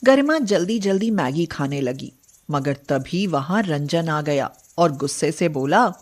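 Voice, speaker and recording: A woman's voice: deep voice, expressive, a little slow. A woman narrator reading a scripted moral story.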